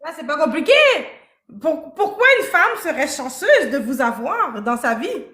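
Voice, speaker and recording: A woman's voice: high-pitched, very animated, moderate pace, fairly bright tone, roomy sound. A woman hosting a live-stream dating show, interviewing a guest with persistent, probing questions.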